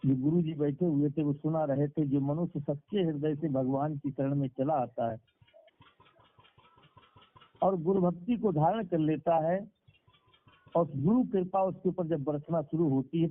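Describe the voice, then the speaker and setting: A male preacher with a higher-pitched voice delivers a devotional sermon full of moral stories over a conference call. He repeats phrases for emphasis, and the telephone line sounds tinny.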